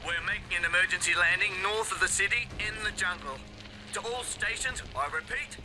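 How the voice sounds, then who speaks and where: A man's voice: sits high, moderate pace, over music, rough recording. An actor playing a panicked male airline pilot, sending an urgent distress call over a radio in a video game.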